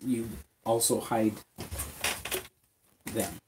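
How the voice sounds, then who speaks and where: A young woman narrating a tabletop game as game master, halting, with fillers and restarts. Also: a bass voice, fairly even intonation, background noise.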